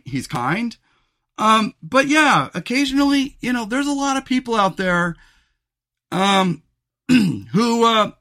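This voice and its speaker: A man hosting his own podcast, thinking out loud in a loose, meandering monologue. His voice is bright and fairly high for a man, a little strained as he loses it, with frequent throat clearing. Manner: rambling and reflective, many fillers and restarts. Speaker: podcast host.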